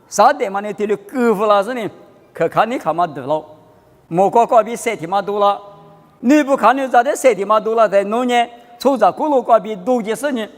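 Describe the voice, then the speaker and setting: High-pitched man in a reverberant space. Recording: long hall-like reverberation.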